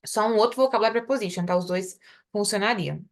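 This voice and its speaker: In a live online English lesson, a young adult Brazilian woman uses Portuguese for her explanations and carefully, slowly voices the English sample phrases. Her accent is Brazilian Portuguese, and her voice sits in the mid range.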